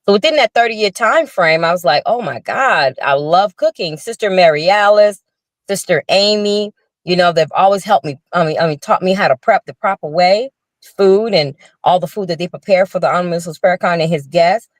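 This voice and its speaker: This Chicago restaurant owner, an older woman, talks a little fast in a lowish voice as a video-call guest. She recounts her story earnestly and casually, often restarting, in an interview setting. The recording is dry.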